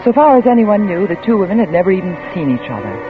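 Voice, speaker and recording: Quick and very animated, this actress uses a natural, medium-pitched voice to play a young woman investigator, anxious and stubborn, in a 1940s radio thriller. She narrates tensely in the first person, dramatic and stammering when rattled, over tinny old-radio sound with music.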